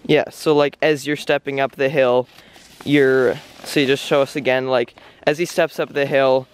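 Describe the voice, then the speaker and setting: A man in a coaching role adds ski tips in a relaxed, conversational way, leaning on small fillers as he talks. His pitch is in an ordinary middle range. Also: moderate pace, smooth. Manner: casual, points out tips with fillers. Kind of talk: instructional commentary.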